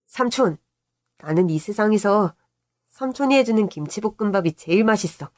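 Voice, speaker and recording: A woman voicing an eager, cheeky young boy who chirps and teases excitedly. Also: medium pitch, moderate pace, close to an everyday voice. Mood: teasing.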